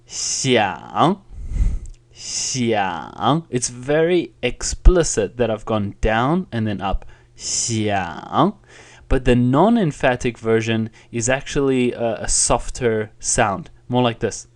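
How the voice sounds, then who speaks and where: A man giving an online language lesson, explaining calmly and patiently with the occasional filler. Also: mid-range voice. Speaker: language teacher.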